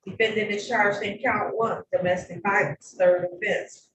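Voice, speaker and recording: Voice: mid-range voice, normal speed. Court clerk in an echoey courtroom recording. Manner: reads case details in a flat, official cadence. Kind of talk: formal case call. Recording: echoey distant courtroom recording with background noise.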